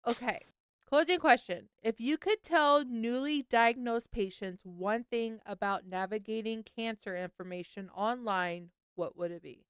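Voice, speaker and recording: A woman with a fairly high, crisp, resonant voice, talking with a co-host on a video call. She is candid and laughs often. Her mic sounds close and dry, with no room at all. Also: unhurried, fairly bright tone, no room sound. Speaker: podcast co-host. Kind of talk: casual chat.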